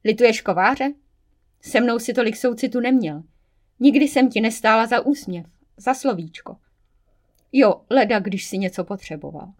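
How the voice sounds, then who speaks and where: A woman's voice: on the high side, animated, darkish tone, voice pushed up, natural voice. A woman playing a spiteful, sneering water spirit. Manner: spiteful, reproachful.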